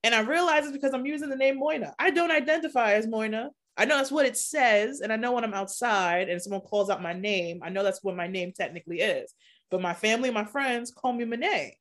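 Give me a woman guest on a podcast talking candidly and with animation, laughing easily. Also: a little high. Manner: animated, laughs often, shifts between quick and slow emphatic phrasing. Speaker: podcast guest, content creator. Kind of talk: casual conversational interview.

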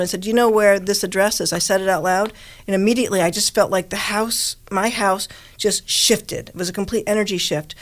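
Calm, matter-of-fact woman medium. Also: mid-range voice. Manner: calm, matter-of-fact storyteller, frequent affirming interjections. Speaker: podcast co-host, medium. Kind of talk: casual paranormal chat.

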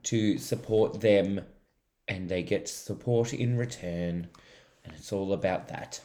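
A man co-hosting a movie review podcast in casual chat, chatty and teasing with quick laughs. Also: low voice, mellow. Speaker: podcast co-host.

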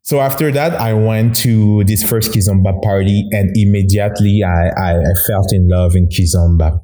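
A man's voice: on the low side, fairly even intonation, normal speed, mellow. A man with a Togolese accent, a guest telling his story in a casual interview, often repeating words for emphasis. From Togo. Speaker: podcast guest, DJ and dance teacher.

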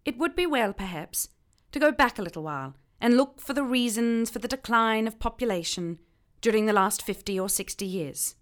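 A woman's voice: on the high side, lively intonation, normal speed, pitched above the performer's own voice, natural voice. A woman imitating a formal 1940s Australian woman orator in heightened received pronunciation, with clipped diction and tapped Rs. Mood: declaiming. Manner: clipped, tapped R, precise vowels.

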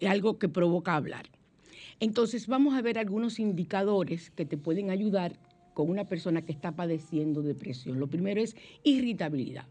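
A woman's voice: lowish voice, mellow. A middle-aged woman, a psychologist hosting a conversational radio show, who acts out quoted dialogue in a raised voice. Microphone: studio microphone.

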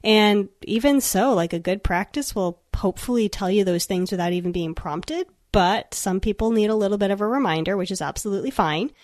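A young woman talks through advice for students in an upbeat, chatty way, often laughing. Her voice sits at an ordinary middle pitch. The sound is dry and close, with no room around it. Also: brisk, hardly any pauses, a little mellow, no room sound. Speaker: veterinarian guest speaking to students. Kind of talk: podcast talk, advice monologue. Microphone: computer microphone.

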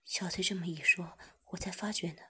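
A woman narrating a story in a soft, hushed whisper. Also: lowish voice, steady tone, a little fast, slightly rough.

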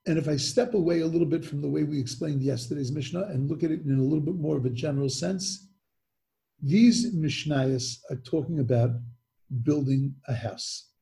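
Gravelly dark-voiced man teaching Torah. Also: on the high side, normal speed. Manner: questioning, rhetorical, many restarts. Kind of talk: spoken Mishnah lesson.

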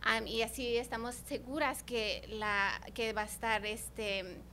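Mujer con español de acento estadounidense, voz aguda. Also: female voice, on the high side, fairly even intonation, unhurried, bright, forceful tone, slight background noise. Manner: hesitant, searches for Spanish words, mixes in English. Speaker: placenta encapsulation provider, interview guest. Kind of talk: conversational explanation.

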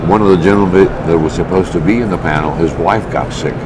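Man, seventies, low voice, wry veteran storyteller in casual interview, noisy surroundings. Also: fast talker. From Cuba. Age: 70s. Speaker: veteran cigar maker. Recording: clear ambient background noise.

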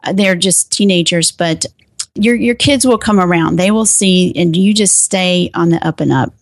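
A middle-aged woman, a guest telling her story in an interview, talking animatedly with sharp emphatic pitch rises. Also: normal speed, no echo. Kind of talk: personal interview.

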